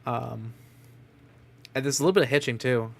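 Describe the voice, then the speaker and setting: A man's voice: medium pitch, normal speed. A man chatting casually as he streams a game. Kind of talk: casual chat while playing a game. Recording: clear background noise.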